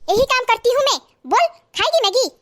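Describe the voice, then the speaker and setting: A woman's voice: very high-pitched, normal speed, a bit bright. A woman playing an overworked young wife who snaps sarcastically, in a comedy skit. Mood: angry. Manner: snappy, sarcastic.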